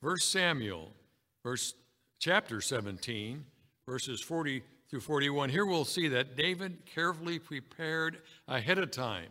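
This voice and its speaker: A man's voice: medium pitch, sharp tone, in a large hall. A man preaching a sermon, reading scripture aloud and calling his congregation brethren.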